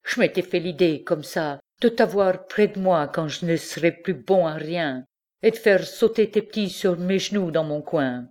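A woman reading aloud puts on a proud old farmer, gruff and scolding, whose voice turns to a trembling lament. The timbre sits low and altered, set apart from the narration of an audiobook. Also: lively intonation, unhurried, heavily acted. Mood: tender, sorrowful.

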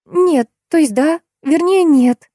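Woman doing a whiny, high-pitched young actress. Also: expressive, moderate pace, mellow, dry recording, clean studio sound. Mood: whimpering. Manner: whiny, fluttery, mumbling. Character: flighty, frightened young actress on the run.

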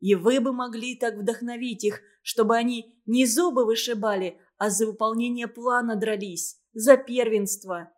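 A woman reading an audiobook, voicing an earnest young woman who scolds and moralizes loudly. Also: on the high side, fairly even intonation, moderate pace, few pauses, close to an everyday voice. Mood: lecturing.

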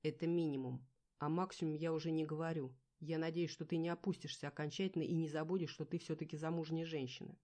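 Jealous husband, sneering and scolding , voiced by a woman audiobook reader, low-set, mellow tone. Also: fairly even intonation, fast, lightly acted. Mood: contemptuous. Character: angry jealous husband, adult man, contemptuous.

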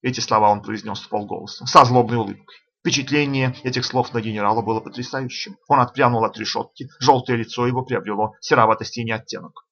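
A man reading a novel aloud as audiobook narrator, with steady, measured storytelling. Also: medium pitch, lo-fi sound. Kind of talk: scripted narration.

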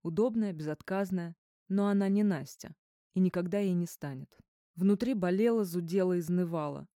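Mellow low-voiced woman narrating. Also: moderate pace, no echo, clean studio sound. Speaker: audiobook narrator. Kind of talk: scripted narration.

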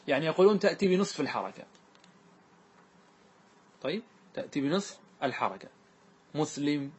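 A man teaching a grammar lesson. His voice is a little high and husky. He asks questions and keeps checking that his students are following. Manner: questioning, checks understanding often.

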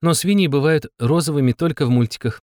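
Calm, pedantic, high-voiced young mage girl, read by a man. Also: fast, no echo, clean studio sound, natural voice. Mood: earnest. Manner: earnest, precise, explains things.

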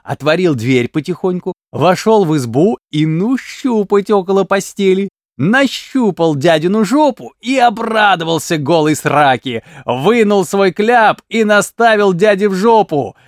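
A man narrating a bawdy folk tale in an expressive, lively reading voice. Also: high voice, measured pace, no room sound, clean studio sound. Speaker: storyteller.

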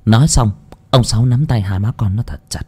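A man narrating a dramatic family story in an expressive way. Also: fairly low pitch, fairly quick, breathy edge. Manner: expressive, lively intonation.

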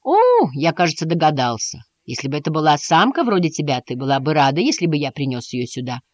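A woman voicing a gentle, naive young male kitten in a storybook reading, soft and puzzled. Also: sits low, expressive, quick pace, no room sound, highs cut off.

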